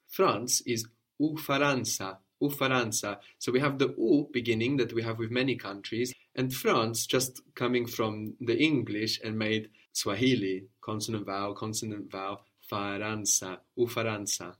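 A man's voice: mid-range voice, measured pace, few pauses, fairly bright tone. Patient male language teacher. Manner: patient, prompting questions and repeating answers. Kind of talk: one-on-one language lesson.

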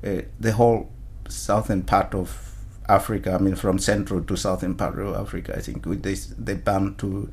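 A man from Zimbabwe, a guest artist in a podcast interview, explaining things in a measured, halting way. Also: sits low, flat delivery, darkish tone, slightly rough.

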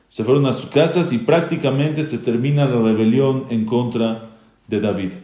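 A man's voice: mid-range voice, warm tone, roomy sound. A man teaching a Torah class, reading Hebrew verses aloud and then translating them, and he grows rising and emphatic when quoting.

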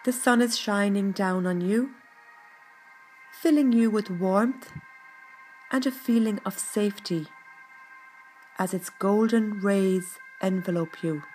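A woman guides a meditation very slowly and deliberately, her mid-pitched voice gentle and soothing. Soft background music plays faintly under her scripted narration, and the audio quality is poor.

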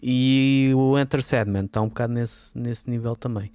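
A man with a European Portuguese accent, co-hosting a podcast and explaining his views in a measured, casual way. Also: medium pitch, fairly even intonation, a little mellow, dry recording. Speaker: podcast co-host. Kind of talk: casual chat.

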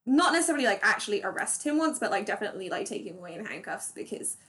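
A woman co-hosting a podcast in casual chat, talking fast and loose with many fillers and restarts. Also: mid-range voice, very animated, fairly bright tone. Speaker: podcast co-host.

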